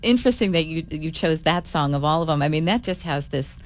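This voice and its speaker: A woman's voice: low voice, animated, brisk. A woman hosting a talk show, chatting with her guest in an effusive way. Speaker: radio talk host. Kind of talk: casual interview chat.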